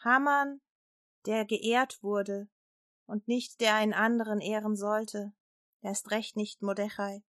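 Slow, bright-voiced woman telling Bible stories. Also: mid-range voice, fairly even intonation, no room sound, studio quality. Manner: addresses children directly, gentle, clear. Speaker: storyteller. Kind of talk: children's Bible story and prayer.

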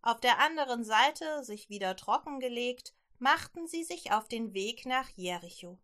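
Slow, bright woman storyteller. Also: on the high side. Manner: slow, expressive read-aloud storytelling. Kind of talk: Bible story for children.

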